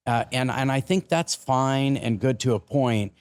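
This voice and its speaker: An American man speaking as a business guest in a podcast interview, explaining things with halting, repeated words. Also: medium pitch, darkish tone, smooth, no room sound.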